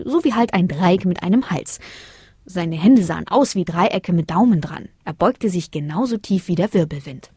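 A woman reads a children's story aloud in a low, slightly husky voice. She keeps an even, calm storytelling pace. The sound is close and dry. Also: dry recording.

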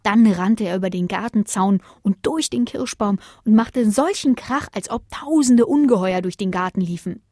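A woman narrating a children's bedtime story in a lively, expressive way. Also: medium pitch, normal speed, hardly any pauses, no echo, clean studio sound.

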